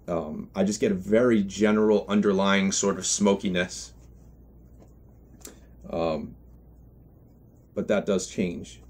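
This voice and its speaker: Low-voiced man giving a halting review. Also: a little mellow. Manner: halting, reflective, with trailing self-corrections. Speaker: pipe tobacco reviewer. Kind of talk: unscripted review monologue.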